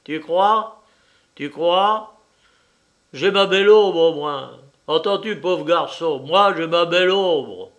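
A man's voice: normal speed, natural voice. A man reading an audiobook, voicing a small decrepit old man who jeers with furious scorn. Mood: mocking. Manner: shrill, jeering, scornful outbursts. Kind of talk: audiobook character voice.

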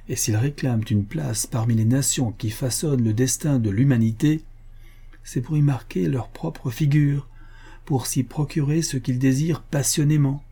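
A man's voice: medium pitch, warm tone, breathy edge. A man reading as a cautious capitalist magnate. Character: powerful older male capitalist, cautious.

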